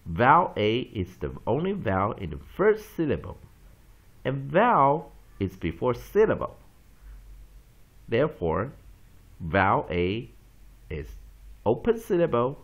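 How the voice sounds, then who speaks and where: In a dull, lo-fi recording, a man teaches an English pronunciation lesson, speaking Chinese sprinkled with English terms. His medium-pitched voice swings hugely in pitch, and he repeats words slowly for drilling.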